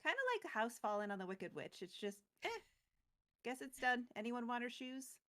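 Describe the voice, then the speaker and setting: A woman co-hosting a recap show retells a story in a casual, chatty way, dropping playful, wry asides. Her voice is slightly high and a bit bright, with lively intonation at a moderate pace.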